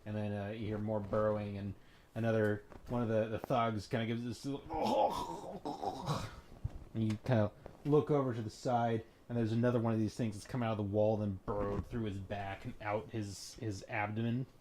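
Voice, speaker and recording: Man, game master, tabletop game narration, lowish voice, vivid descriptive storytelling, faint background hiss. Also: moderate pace, darkish tone.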